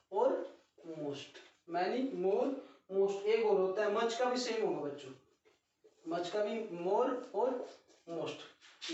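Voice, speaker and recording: Male grammar teacher who spells words out letter by letter and talks to the class as children. Heard from a distance in a booming, echoey classroom. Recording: very echoey, distant, dull lo-fi sound.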